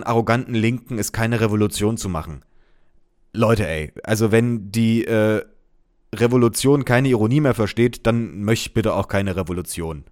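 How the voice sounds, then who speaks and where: A man reading out reactions to his post with sarcastic, deadpan asides in casual commentary. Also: medium pitch. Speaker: social media commentator.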